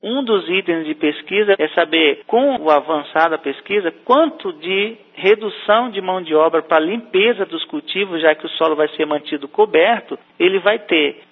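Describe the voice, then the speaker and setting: Male researcher, gravelly, slightly high, phone-line sound. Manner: explanatory, lists items with pauses. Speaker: agricultural researcher. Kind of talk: interview answers. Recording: tinny phone-like line with reverb.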